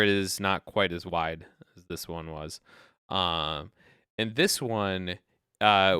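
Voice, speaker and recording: A man hosting a casual photo editing livestream, talking in a relaxed way with lots of fillers and encouraging his co-editors. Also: lowish voice, smooth, no room sound, clean studio sound. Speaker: host of a photo editing stream.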